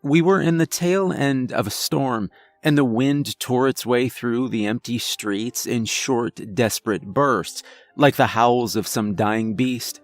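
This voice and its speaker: A man reading a scary story aloud in a measured, dramatic way. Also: mid-range voice, no echo, soft background music. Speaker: narrator. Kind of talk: scripted horror narration.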